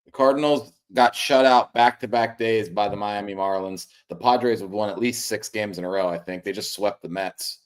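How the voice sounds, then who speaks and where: A man co-hosting a sports betting podcast in casual chat, blunt and dismissive with a deadpan, teasing manner. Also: on the low side, moderate pace, few pauses.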